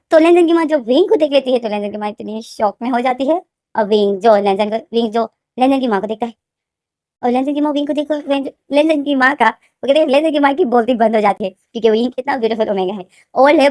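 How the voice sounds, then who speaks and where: A woman's voice: a little high, fast talker, a little mellow, no room sound, clean studio sound. A woman retelling her own fan fiction story in a casual, rambling way, often repeating and restarting. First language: Hindi. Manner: rambling, repetitive.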